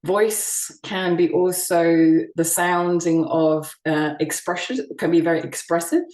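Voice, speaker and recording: A soft-spoken woman from the United Kingdom, a sound healing practitioner, giving a gentle summit talk with frequent ums and restarts. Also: lowish voice, slow, echoey room, recorded from a distance, rough recording. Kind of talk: online summit presentation.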